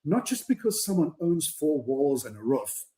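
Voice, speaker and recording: Speaking at a normal speed, this podcast co-host has a fairly high, sing-song voice with a warm tone. He co-hosts a live show in casual live-stream chat, earnest and speechifying, frequently adding "right?".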